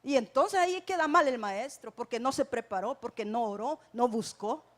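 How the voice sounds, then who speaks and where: A woman's voice: fairly high pitch, normal speed. A woman with a Salvadoran Spanish accent preaching a sermon, emphatic and often addressing listeners as brother. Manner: emphatic, keeps calling listeners "hermano".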